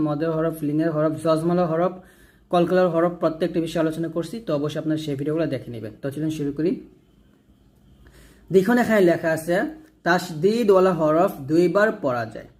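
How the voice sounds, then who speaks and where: A man teaching Quran reading, spelling out letters slowly and then blending them into words for viewers to repeat. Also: on the high side, darkish tone. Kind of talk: step-by-step recitation lesson.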